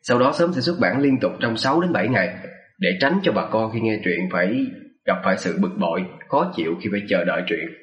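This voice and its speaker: A man with a fairly low voice, thick and hoarse from a stuffy cold, speaks as a channel host giving an announcement. The recording is echoey and a little dull on top. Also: animated, fairly quick. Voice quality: husky, thick, muffled congested voice. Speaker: host and story narrator of a horror audio channel. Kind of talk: channel announcement and scripted story narration.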